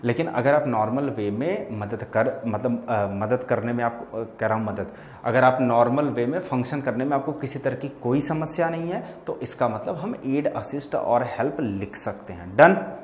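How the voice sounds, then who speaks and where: A man's voice: medium pitch, moderate pace, echoey room, slight background noise. A man teaching English vocabulary for exams, explaining in Hindi mixed with English and often checking in with his students. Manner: explains words in Hindi mixed with English, calls listeners "bachche"; keeps checking in with "theek hai?". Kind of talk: exam-prep lesson.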